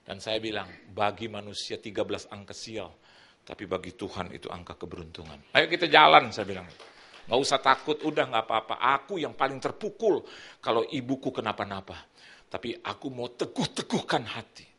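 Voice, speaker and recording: A middle-aged male pastor preaching a sermon, telling a personal testimony with lively storytelling and acted-out quotes, moving between loud and soft. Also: on the low side, fairly quick, husky. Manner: animated storytelling, acts out quoted voices, swings loud and soft. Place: church hall.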